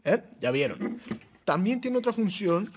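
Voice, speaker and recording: In a noisy setting, a radio gear reviewer shows off a handheld radio in a relaxed, unhurried way, his high, sing-song voice full of fillers and false starts. He chuckles often, talking to viewers as if they were friends, though he sounds hesitant.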